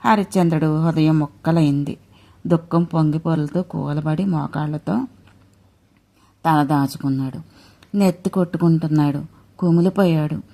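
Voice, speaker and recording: Woman with a low voice telling a devotional tale. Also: fairly even intonation, normal speed, pauses often, dark tone. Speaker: storyteller. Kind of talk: devotional story narration.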